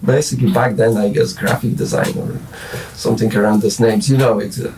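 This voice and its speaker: Heard from far off amid a slight hiss or hum, a Polish man in his forties, a guest musician with a Polish accent, talks briskly in a lowish, slightly mellow voice with fairly even intonation. In the casual late-night interview he rambles hesitantly, restarting often and using many fillers.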